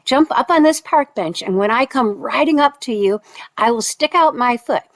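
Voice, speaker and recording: A woman voicing a confident male horseback reenactor who gives firm, patient instructions, in her own fairly high voice. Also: lively intonation, moderate pace. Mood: instructing.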